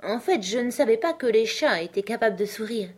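A woman's voice: fairly high pitch, animated, fairly quick, slightly rough. A woman voicing a polite, timid young girl in a storybook reading, earnest and a little anxious.

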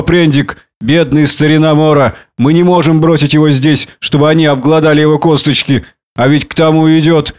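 A man's voice: a little high, voice pushed up, close to an everyday voice. A man voicing a raving drunken exile. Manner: ranting, shouting, self-pitying. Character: drunken bitter ranting male exile doctor. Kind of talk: audiobook reading.

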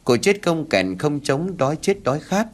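A man's voice: fairly high pitch, moderate pace. Man narrating a ghost story dramatically. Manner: dramatic, lively reading.

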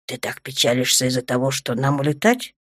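A woman voicing a dark alien lord, a grown man who is tender and teasing, speaking low and soft. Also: a little fast, no echo, studio quality. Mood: calm reassuring.

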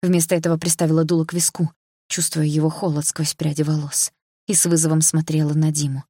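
Female audiobook narrator, intimate reading, low and husky. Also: level tone, fast talker, dark tone, no echo, studio quality. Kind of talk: scripted first-person narration.

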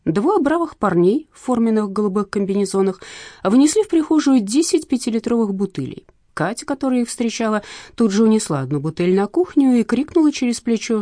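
Женщина-чтец, выразительная, сухой звук без эха. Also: female voice, on the high side, no room sound, studio quality. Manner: expressive, lively comic reading. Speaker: audiobook narrator. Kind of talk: scripted narration.

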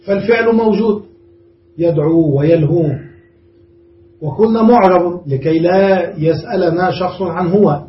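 In an echoey room, a high-voiced man teaches grammar step by step, frequently asking the class "understood?" The lo-fi recording sounds roomy, distant and dull, with faint background noise.

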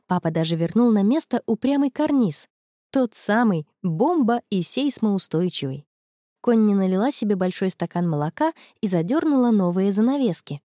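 A woman narrating an audiobook in an expressive manner. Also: medium pitch, moderate pace, dry recording, studio quality. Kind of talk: audiobook reading.

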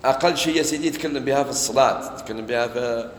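Algerian-accented male preacher, chatty lesson style, mid pitch, roomy hall with long reverb. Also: very fast, a little hiss or hum. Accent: Algerian Arabic. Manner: conversational, mixes formal and colloquial speech, acts out street dialogues. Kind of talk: Quran commentary lesson in Algerian Arabic.

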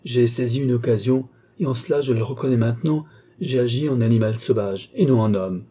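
A man's voice: medium pitch, a little fast, dark tone, breathy edge, natural voice. A man reading an audiobook, voicing an earnest, proud young man in rags who pleads yet stays resolute.

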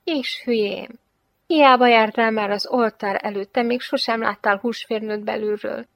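A cheeky, self-assured young woman teases in a raised, bright-toned lilt, pitched above the narration, as a woman reader puts her on. She mocks with easy confidence in a storybook telling. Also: steady tone, gravelly, dry recording. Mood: teasing. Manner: teasing, mocking.

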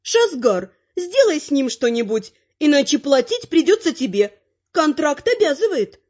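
A woman voicing a spry, sharp-tongued, bossy old grandmother in a brisk, scolding way. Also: high voice, big pitch swings, pitched above the performer's own voice. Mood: commanding. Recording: muffled lo-fi recording.

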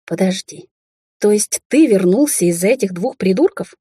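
A woman voicing a proud, touchy young rich woman in an audiobook, her voice pushed higher and sharper. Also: expressive, normal speed, dark tone, breathy edge, no echo, clean studio sound. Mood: hurt.

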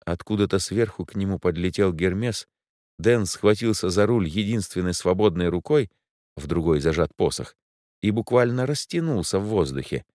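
A man narrating a story aloud in an expressive way. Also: low voice, moderate pace, no echo, clean studio sound. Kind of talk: audiobook narration.

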